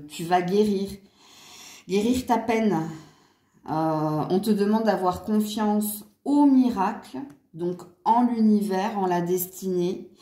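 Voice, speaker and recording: A woman's voice: medium pitch, dark tone, reverberant. A woman doing a casual angel card reading, chatty with many fillers and small laughs. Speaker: card reader.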